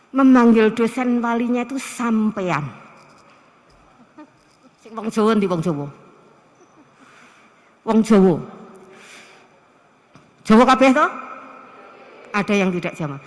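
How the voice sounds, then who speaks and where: A middle-aged woman with a Javanese accent, giving a university classroom lecture in a lively way and putting rhetorical questions to the audience. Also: on the high side. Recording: long hall reverb.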